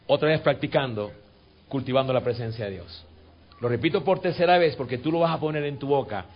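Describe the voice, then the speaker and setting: A pastor leading his congregation in a sermon and guided prayer. He repeats scripture lines, swells to fervent peaks and sinks to soft, coaxing tones. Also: a little high, dull audio. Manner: repeats phrases and drills scripture.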